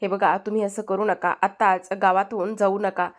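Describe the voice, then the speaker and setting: A woman's voice: mid-range voice, little pitch movement, moderate pace, lightly acted. A woman voicing a firm, caring village headman and father in a retold serial, earnest in argument.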